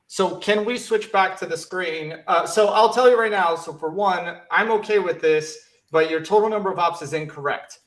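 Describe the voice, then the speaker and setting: A man hosting a live online competition, checking answers aloud with rising excitement. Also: high voice, moderate pace, hardly any pauses, reverberant, low-quality recording. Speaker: competition host.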